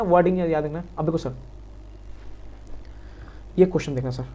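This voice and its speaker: Fast-talking Indian man teaching law. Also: sits high, darkish tone. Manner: quick, repetitive, addresses students as sir. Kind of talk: fast exam revision lecture.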